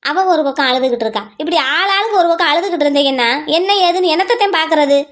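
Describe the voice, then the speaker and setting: A woman's voice: high voice, expressive. Woman doing a scolding village sister-in-law. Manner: scolding, exasperated, rapid lecturing. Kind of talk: cartoon voice acting.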